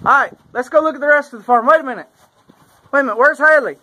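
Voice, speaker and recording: A man in his forties making a mock-serious confession to a phone camera held at arm's length in an open barn, slow and solemn with long pauses. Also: very high-pitched. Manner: slow, solemn, deadpan delivery with drawn-out pauses. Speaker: farm vlogger.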